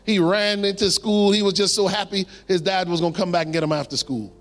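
A male preacher delivering a sermon, pausing dramatically and dropping his voice low on key words. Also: steady tone, a bit bright. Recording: long hall reverb.

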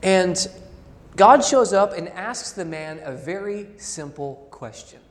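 A male pastor preaching a sermon, reading quotations aloud and swinging between loud emphasis and soft asides. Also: sits high, lively intonation, takes it slowly, long reverb tail.

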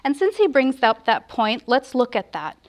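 A woman's voice: sits high, very animated, moderate pace. A woman giving an earnest, reverent sermon at a pulpit microphone, with a prayer and scripture study. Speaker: preacher.

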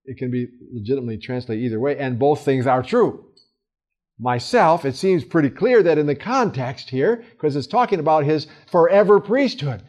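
A man leading a Bible study with a voice that sits fairly high for a man. He talks in an earnest, conversational way, full of fillers and restarts. His stressed words come out loud, and he drops to soft, quiet asides in between. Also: expressive, normal speed. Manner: casual, with many fillers and restarts. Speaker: Bible teacher.

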